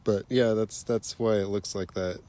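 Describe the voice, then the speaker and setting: A man hosting a casual livestream outdoors at night, chatty and quick to laugh, with a slightly stuffy nose, talking into a phone. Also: on the low side. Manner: relaxed, chatty, laughs easily. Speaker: livestream host. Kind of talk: casual live chat while stargazing.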